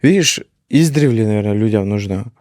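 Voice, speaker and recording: A man's voice: lowish voice, animated, a little fast, a little mellow, dry recording, studio quality. A man chatting casually about sport as a guest commentator, repeating phrases for emphasis. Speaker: guest commentator on MMA talk show.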